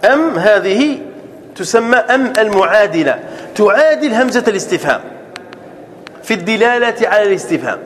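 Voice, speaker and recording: A man with a notably high voice leads a classroom grammar lesson as a sheikh. He works patiently through examples, saying them slowly word by word. He keeps asking his students whether they follow. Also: sing-song, a bit bright, big-room sound. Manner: checks on students with frequent rhetorical questions; repeats example sentences slowly and breaks them into words. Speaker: sheikh teaching Arabic grammar.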